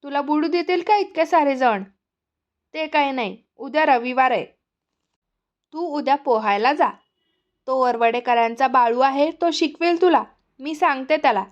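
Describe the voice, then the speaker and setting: A woman's voice: high voice, measured pace, muffled recording. A woman voicing a loving but stern mother who talks firmly and tenderly to her son. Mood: coaxing. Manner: tender yet firm, coaxing.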